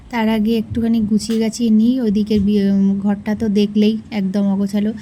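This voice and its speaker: A woman talks to her viewers as she films at home. Her voice is mellow and sits a little high, and her chat is homely and easygoing. A faint hiss stays behind her. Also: low-quality recording. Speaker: vlogger and homemaker. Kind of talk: casual vlog narration to viewers. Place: home, indoors.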